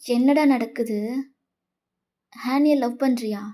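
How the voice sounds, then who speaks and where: A woman's voice: on the high side, takes it slowly, warm tone. Woman voicing an earnest young man, insistent. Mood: shocked. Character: worried young man comforting a friend. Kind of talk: fan fiction voice-over.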